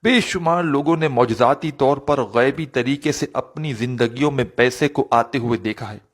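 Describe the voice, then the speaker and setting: A man's voice: mid-range voice, normal speed. A man hosting a devotional video, speaking earnestly and repetitively to viewers and leading a pleading prayer. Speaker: religious video host.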